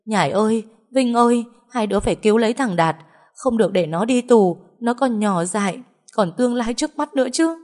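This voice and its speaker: A woman voicing a doting, quick-tempered older village mother who cries, pleads and scolds. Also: lowish voice, lively intonation, a little mellow. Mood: pleading.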